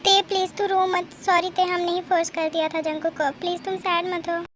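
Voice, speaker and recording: A woman voicing a caring older-sister figure who soothes and advises gently in a fan audio drama. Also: very high voice, level tone, normal speed, slight background noise. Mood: soothing. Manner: soothing, coaxing.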